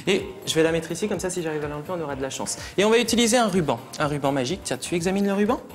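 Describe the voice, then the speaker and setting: A man's voice: a little high, animated, racing, soft background music. A man performing as a stage magician, joking and teasing his volunteers with playful patter in a TV studio. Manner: teasing, playful, laughs often.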